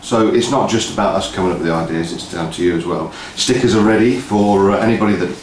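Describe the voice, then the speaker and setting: In this echoey, noisy office recording, a deep-voiced man talks fast while co-hosting a casual two-person announcement chat for music event promoters' video update.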